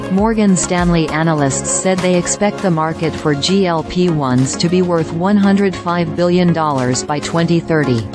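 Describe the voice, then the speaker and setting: A woman giving a scripted news narration in an even, measured newsreader delivery. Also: deep voice, no room sound. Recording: faint music bed behind voice-over. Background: faint background music.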